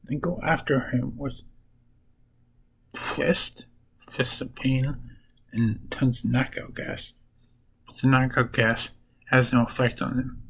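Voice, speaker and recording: Slow, gravelly man reviewing comics. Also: mid-range voice, steady tone, fairly bright tone, low-quality recording. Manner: halting, retelling plots piece by piece.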